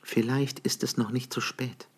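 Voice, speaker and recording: Guy putting on a sad pleading lady horse, voice pushed up high, husky. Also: level tone, moderate pace, close to an everyday voice. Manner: pleading, tearful. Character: grey talking mare, pleading and grieving female lover.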